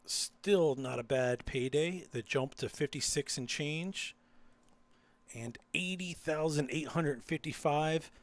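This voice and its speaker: A man's voice: a little high, slow pace. A man commentating a live poker final table, explaining hands and teasing his co-host in dry banter.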